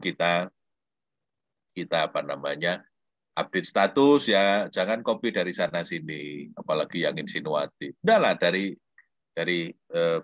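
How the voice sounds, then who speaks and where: A man's voice: low voice, no room sound, highs cut off. An older man giving a religious talk, telling stories and acting out dialogues. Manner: animated storytelling, acting out dialogues. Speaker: Islamic preacher and lecturer.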